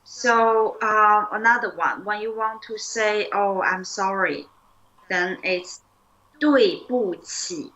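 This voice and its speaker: A young woman leads an easygoing one-on-one language lesson. Her voice is bright and her pace slow and unhurried. She explains patiently, with plenty of "like" and "um", and models each new word slowly. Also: mid-range voice, highs cut off. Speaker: Chinese teacher.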